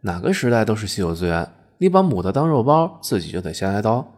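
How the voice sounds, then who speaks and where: A man's voice: on the low side, very animated, fast, a little mellow. A man voicing a female angel, a heavenly secretary who talks in an impatient, exasperated way and swears. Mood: sardonic.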